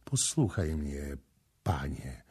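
A man's voice: extremely low pitch, very animated, slow, a little mellow, husky, voice pushed down, full character voice. A man reading the part of a young priestess in an audiobook, tearful and pleading.

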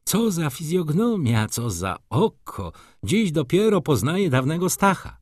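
A man's voice: a little high, big pitch swings, a little slow, dry recording, studio quality, pitched above the performer's own voice. A man voicing a cynical middle-aged doctor who teases his friends in a sardonic, expansive way, in an audiobook. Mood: mocking.

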